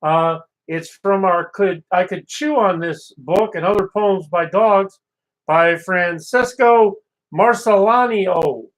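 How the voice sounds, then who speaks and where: A man's voice: sits high, slow, poor audio. A man hosting a casual local radio show, reading weather, listener ads and birthday notes in an easygoing way.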